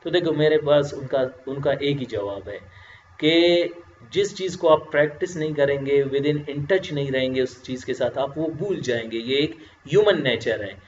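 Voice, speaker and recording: A man teaching English grammar in a recorded lecture, explaining slowly and answering his own questions. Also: medium pitch, expressive, slight background noise. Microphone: voice-over, face not on screen. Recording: roomy, dull lo-fi lecture audio.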